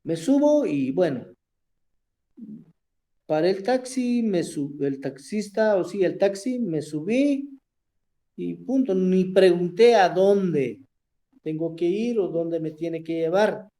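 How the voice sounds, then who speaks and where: A man teaching a language class online, explaining slowly and often checking in with his students. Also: high voice, lively intonation, mellow. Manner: slow, explanatory, asks "verdad?" often.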